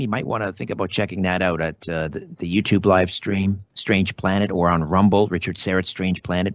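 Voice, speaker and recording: A man hosting a radio talk show in a conversational, sometimes halting interview style. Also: fairly low pitch, dry recording, muffled recording.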